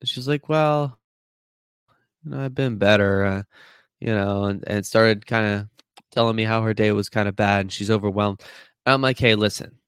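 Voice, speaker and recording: A man's voice: fairly low pitch, fairly even intonation, fairly quick, clear, resonant tone, no room sound. A man with a stuffy nose hosting a casual motivational podcast, talking earnestly in a rambling way with lots of fillers. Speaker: podcast host.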